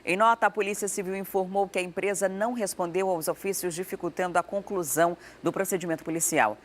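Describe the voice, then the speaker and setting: Low-voiced female news anchor. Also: fairly even intonation, fast. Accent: Amazonas Brazilian Portuguese. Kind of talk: read news bulletin.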